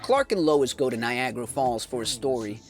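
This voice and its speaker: A man's voice: mid-range voice, lively intonation, normal speed. A man narrating a comedic movie recap, full of sarcastic, jokey asides, over background music. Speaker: movie reviewer.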